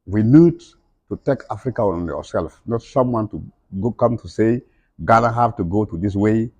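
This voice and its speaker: A man's voice: on the low side, animated, normal speed, darkish tone, no echo. A middle-aged man speaking emphatically in broken, non-native English, repeating his points as an interviewee. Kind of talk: impassioned conversational speech.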